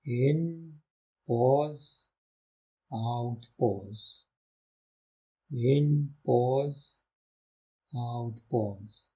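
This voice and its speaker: A man leading a guided meditation, giving gentle, calm instructions with long unhurried pauses. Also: medium pitch, slightly rough, lo-fi sound. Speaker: meditation teacher.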